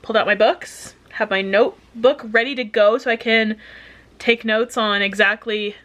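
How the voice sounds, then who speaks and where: A woman's voice: a little high, steady tone, normal speed, a bit bright. A woman in her twenties chatting casually in a home book vlog, rambling and self-deprecating. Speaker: book vlogger. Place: home room indoors.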